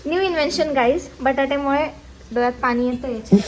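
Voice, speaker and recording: A woman's voice: fairly high pitch, brisk, poor audio. A young woman with a Marathi accent, chatting casually and teasing playfully to a phone camera in a couple vlog. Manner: playful teasing, lively exclamations. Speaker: vlogger. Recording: loud crowd and background noise.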